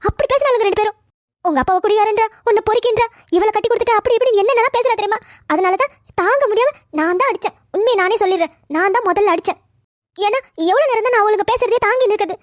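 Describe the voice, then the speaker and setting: Super high fast cartoon mom, a woman doing the voice, whiny and defensive, dead dry sound. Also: no room sound. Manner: rapid, shrill, pleading and quarrelsome. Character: scolding middle-aged mother, defensive and tearful. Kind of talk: cartoon family drama voice acting.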